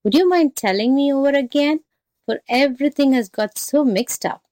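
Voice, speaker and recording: A woman's voice: mid-range voice, slow, creaky, dry recording. A woman voicing a sly storybook jackal who acts dim, muddled and plaintively confused. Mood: puzzled, apologetic.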